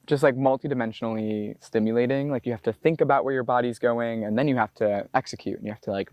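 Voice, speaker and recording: The audio is dull but echo-free, carrying a somewhat mellow, mid-range voice. It belongs to an American botanist and climber in his twenties, the subject of a documentary, who reflects casually in loose speech peppered with "like."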